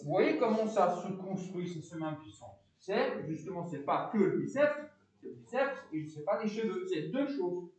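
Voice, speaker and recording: A philosophy teacher with a foreign accent, lecturing a class with animated delivery, often stopping to ask students questions and repeating words. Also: male voice, sits high, normal speed, heavy reverb, far from the mic, rough recording. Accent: foreign accent in French.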